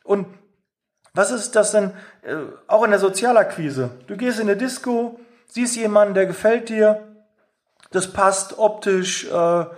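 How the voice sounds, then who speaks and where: Brief: man, sales coach, high voice, direct and emphatic, acts out dialogue. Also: unhurried. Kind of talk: motivational talk on sales.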